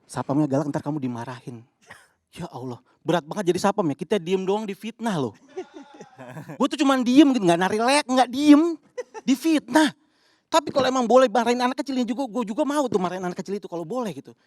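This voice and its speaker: A high-pitched man delivers a punchy stand-up set. He acts out the characters in his story. The sound is dry and close to the mic. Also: expressive, quick pace, no echo. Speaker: stand-up comedian.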